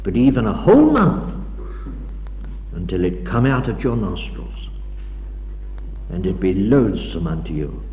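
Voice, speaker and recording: A man's voice: deep voice, sing-song, unhurried, long pauses, dull audio, slight background noise. Man preaching scripture on an old hall tape. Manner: dramatic, declaiming reading of scripture. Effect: old 1960s tape recording. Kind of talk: sermon with scripture reading. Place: lecture hall.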